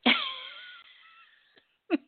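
A woman's voice: extremely high pitch, wildly swooping pitch, drawn-out words. A woman radio host delivering a blunt, emphatic talk monologue with casual swearing. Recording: tinny phone-line sound.

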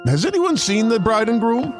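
A man's voice: very high voice, very animated, moderate pace. A man playing a solemn, comically flustered wedding officiant in a radio ad. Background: loud music.

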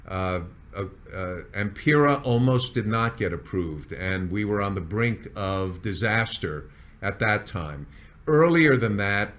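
Low voiced guy, ceo founder telling the company story in a measured exec way like at an all-hands. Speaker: biotech chief executive and founder. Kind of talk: recounting company history to an interviewer.

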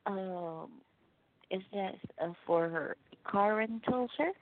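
A woman's voice: medium pitch, takes it slowly. A woman working as a call centre agent, speaking in polite, slightly hesitant customer service phone talk. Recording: noisy narrow phone line with clicks.

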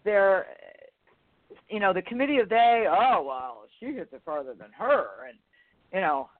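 A woman's voice: mid-range voice, expressive, measured pace. A woman golf instructor co-hosting a show, talking frankly and bluntly in casual chat. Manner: frank, blunt teaching talk. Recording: tinny phone-like sound.

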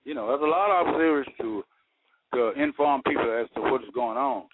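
Over a staticky, tinny phone connection, a fast-talking radio caller with a medium-pitched voice chats casually. He comes across as earnest and folksy, leaning on homespun sayings.

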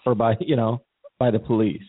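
A man's voice: mid-range voice, level tone, fairly quick, husky. Man, co-host, casual talk, rambling and self-repeating, tinny phone-like sound. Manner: rambling, repeats words while thinking aloud. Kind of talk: casual conversation.

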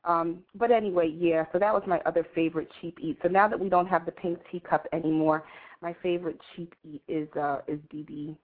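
Speaking briskly with a lowish voice and fairly even intonation, a New York City woman hosts a morning show, chatting casually and addressing listeners like old friends. The audio is tinny, like an internet radio line heard over a phone.

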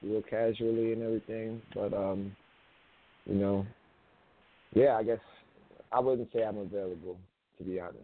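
Raspy man on a tinny phone line. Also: fairly low pitch, steady tone, normal speed, pauses often. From United States. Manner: laid-back, laughs often, repeats words. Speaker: guest hip-hop artist. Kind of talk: casual interview chat.

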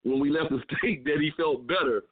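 A man's voice: on the high side, a little fast, slightly rough. A man from California, a guest on a talk radio show, telling a story casually and acting out his friends' lines. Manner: animated storyteller who acts out friends' lines. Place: calling in to an internet radio show. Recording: tinny phone line.

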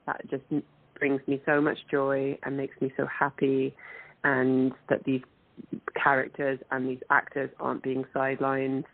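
A woman's voice: very deep voice, completely flat delivery, unhurried, no echo. A woman, an actress guest talking earnestly and reflectively in an interview. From England. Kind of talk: interview over a call. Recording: tinny phone-like line.

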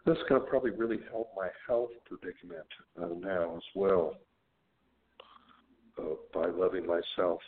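A man calling in to a radio show, his fairly low voice squeezed thin by a tinny phone line. He talks in a halting way, padding his words with "uh". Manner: hesitant, many "uh"s. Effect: phone-line voice of a radio show caller. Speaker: caller. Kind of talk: casual phone chat.

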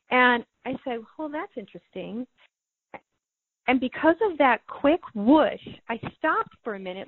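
A woman in her forties, a life coach, telling a personal story in an interview, animated and acting out the voices she quotes. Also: on the high side, no echo. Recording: dry, phone-like audio.

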